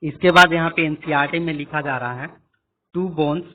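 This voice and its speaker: A man teaching a class lecture, explaining each point slowly and repeating questions to the students. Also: on the high side. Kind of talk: classroom lecture with screen annotation. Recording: tinny phone-like audio.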